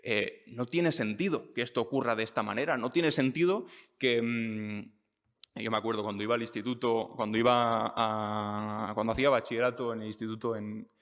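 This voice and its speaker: A young man from Spain talking casually and thinking aloud, with fillers and restarts, slowing down to stress his points. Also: fairly low pitch, fairly even intonation, a bit bright, long reverb tail. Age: young adult. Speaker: speaker on politics and identity. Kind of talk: casual talk.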